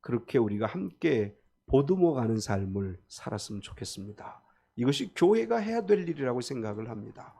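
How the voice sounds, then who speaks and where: A man's voice: mid-range voice, big pitch swings, brisk, vocal fry, dark tone, slightly rough. A man preaching a sermon as pastor, talking expressively and acting out the people he quotes.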